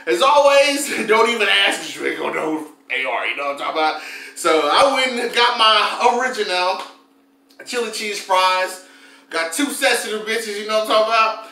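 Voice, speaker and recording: A man hosting his food review channel, opening a mukbang with loud, slangy, hyped shout-outs. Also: high-pitched, expressive, normal speed, a little hiss or hum. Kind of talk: casual mukbang intro. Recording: echoey room, voice a bit far.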